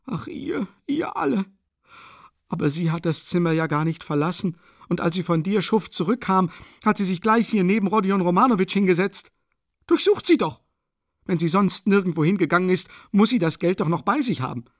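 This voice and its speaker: A male audiobook reader voicing a frantic, hysterical impoverished woman who screams accusations in a high, strained falsetto. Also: flat delivery, normal speed, few pauses, warm tone, no room sound, clean studio sound, close to an everyday voice. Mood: hysterical fury.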